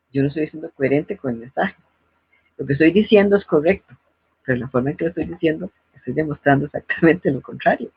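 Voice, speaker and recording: A woman's voice: deep voice, breathy edge, no room sound. A middle-aged woman hosting a parenting advice talk in a didactic way, now and then acting out scolding parents. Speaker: host. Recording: dull, lo-fi dry recording.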